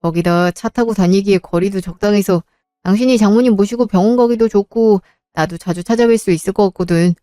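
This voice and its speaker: Woman as earnest kind husband, warm low-key delivery, audio drama. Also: a little fast, no echo, clean studio sound, soft background music, lightly acted. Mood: tender. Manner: soft, reassuring, earnest. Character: devoted young husband, gentle and apologetic. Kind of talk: Korean audio drama acting.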